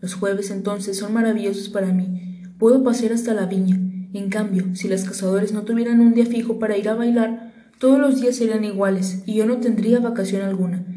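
A wise, gentle fox from a storybook, as a woman reader puts him on. His voice is warm and mellow, and he speaks with a patient, tender cadence. The reading carries a roomy echo. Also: medium pitch, fairly even intonation, fairly quick, natural voice.

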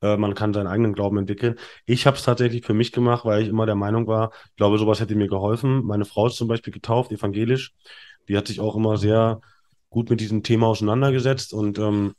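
A man's voice: fairly low pitch, steady tone, fast, a little mellow. A man in his thirties, a podcast guest telling candid stories in a rambling way with lots of fillers and restarts. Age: 30s. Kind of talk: candid conversational storytelling.

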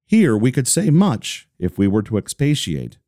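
A man giving a measured, deliberate reading of a religious catechism. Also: lowish voice, dry recording, studio quality. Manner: deliberate, steady, slowing on listed phrases. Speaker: reader of a devotional text.

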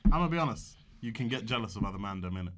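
A man's voice: fairly low pitch, expressive, racing, a crowd in the background. Young London man with roadman slang. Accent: London, urban street English. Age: young adult. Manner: London roadman slang, with innit, fam and mandem. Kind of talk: casual group banter and storytelling.

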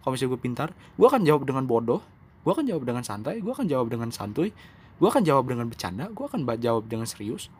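A young man hosting his own podcast, talking candidly and rambling, now calm, now emphatic and self-mocking. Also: medium pitch, rapid-fire, breathy edge. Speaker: podcast host. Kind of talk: casual solo podcast monologue.

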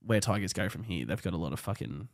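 A man's voice: sits low, lively intonation, fast talker. A man with an Australian accent hosting a podcast, talking footy in a blunt, rowdy way with heavy swearing. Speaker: podcast host. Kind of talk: casual chat.

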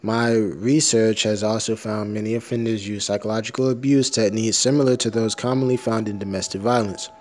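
A man with a fairly low, everyday speaking voice, talking bluntly and swearing freely. He rants casually, leans on slang like "bro", and sometimes reads text out loud. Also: fairly even intonation, a little fast, few pauses. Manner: profane, blunt, ranting. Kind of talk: casual rant, reading an article aloud.

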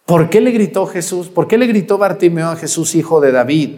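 A man's voice: fairly high pitch, lively intonation, fairly quick, mellow, long reverb tail. A man preaching a sermon, asking the congregation questions and answering them himself.

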